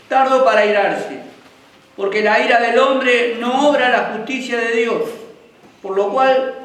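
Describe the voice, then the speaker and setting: A man reading scripture aloud in a slow, measured way during a church service. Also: very high-pitched, a bit bright. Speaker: scripture reader in a congregation. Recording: distant, very echoey hall.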